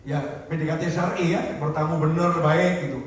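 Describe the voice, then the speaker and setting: A man preaching a lively, joking storytelling sermon. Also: a little high, normal speed, slight background noise. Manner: lively, joking, acts out voices. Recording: echoey hall from far off.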